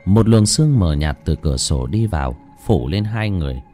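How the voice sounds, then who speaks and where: Deep-voiced man telling a horror story. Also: lively intonation, moderate pace, mellow. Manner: dramatic, suspenseful delivery. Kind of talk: scripted horror narration. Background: faint music.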